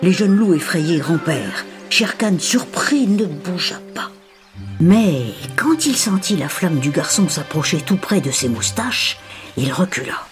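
A man narrating a children's story in an expressive, measured reading style. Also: on the high side, music in the background.

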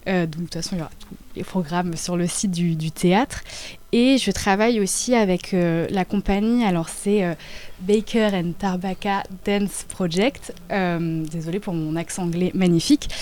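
A woman's voice: mid-range voice, a little mellow. Hesitant young woman dancer. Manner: halting, with many hesitations. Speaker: dancer and choreographer. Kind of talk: casual interview talk.

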